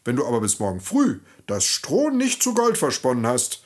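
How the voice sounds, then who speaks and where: A man's voice: medium pitch, huge pitch swings, normal speed. A man voicing a greedy old king who gives stern orders. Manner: stern and commanding.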